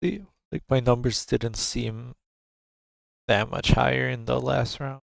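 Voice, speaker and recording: Gravelly male streamer, close dry mic, low-key muttered game commentary. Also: a little slow, no room sound. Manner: relaxed, musing, thinking aloud. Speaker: gaming streamer. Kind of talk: casual gameplay commentary. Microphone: desk microphone.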